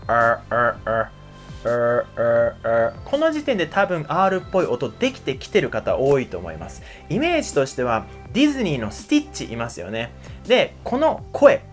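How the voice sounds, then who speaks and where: A young man from Japan runs a casual, upbeat pronunciation lesson. He talks with a very lively, up-and-down voice and keeps breaking off to demonstrate sounds. Soft background music plays faintly under his talk. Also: fairly high pitch, quick pace, hardly any pauses. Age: 20s. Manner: energetic, chatty, repeatedly demonstrating sounds. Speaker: English pronunciation teacher.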